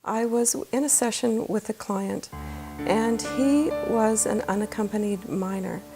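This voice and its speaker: Brief: woman clinical manager, gravelly earnest interview delivery, clear music underneath. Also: mid-range voice, warm tone. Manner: earnest, measured, repeats words as she thinks. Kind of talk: documentary interview.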